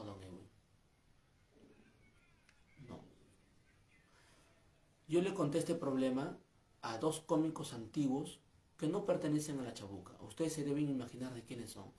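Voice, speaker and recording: A man's voice: mid-range voice, dark tone, reverberant. A man, a street comedian, making an earnest, aggrieved personal statement, repeating his points. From Peru.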